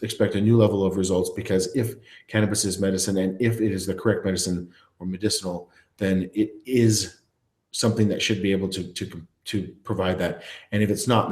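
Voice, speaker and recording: A man with a low, slightly mellow voice hosts a live web session, talking to his online audience through an earpiece. He talks things through with lots of fillers and restarts, and the sound is reverberant.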